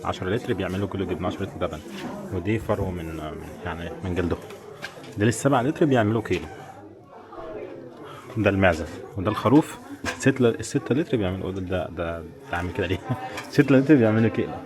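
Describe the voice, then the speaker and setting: A man with a deep voice and an Egyptian Arabic accent vlogs his walk around a tourist village and its shops, chatting casually to viewers in a rapid-fire running commentary. Behind him there's a busy crowd and street bustle.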